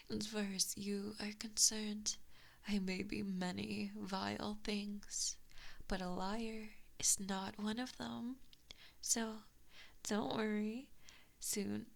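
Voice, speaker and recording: Playing an evil, possessive giant fox spirit for a slow ASMR roleplay, a woman with a creaky, mid-range voice whispers softly and breathily right up against a binaural microphone. She sounds coaxing and smug, with a mockingly sweet menace.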